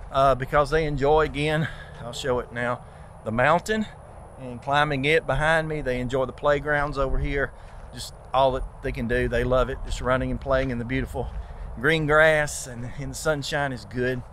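A man talks while walking outdoors in a big park, in an easygoing, rambling way full of small fillers. His voice sits at an ordinary middle pitch. Faint outdoor noise and passing vehicles hum behind him. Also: a bit bright. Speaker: vlog host and transplant recipient. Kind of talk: casual walk-and-talk vlog.

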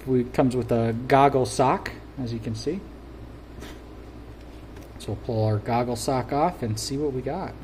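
A man talks casually through an unboxing in a warm, mellow voice. He is chatty and enthusiastic and scatters fillers through his talk. A faint hiss sits under the recording. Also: medium pitch, a little slow, pauses often. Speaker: gear reviewer.

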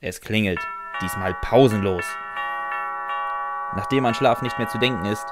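A man's voice: lowish voice, moderate pace, music in the background. A man narrating a first-person fan audio drama in a dry, sardonic way, answering with hesitant "äh"s.

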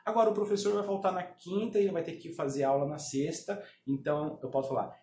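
Man, language teacher, slightly high voice, echoey room, repeat-after-me drills. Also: flat delivery, fast, warm tone. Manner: drills pronunciation, asks viewers to repeat. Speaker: Spanish teacher. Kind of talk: online language lesson.

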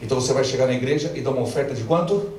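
A male pastor with a mid-range, darkish voice speaks rapid-fire, leading a call-and-response sermon laced with jokes as the congregation repeats after him. He's recorded from far off in a large, echoey church hall full of people, with the crowd audible and a little hiss or hum underneath.

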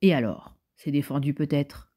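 A woman voices a coarse young housemaid, offhand and colloquial. The voice sits low and mellow with a husky edge, as in a quiet audiobook reading. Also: normal speed. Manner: curt, colloquial.

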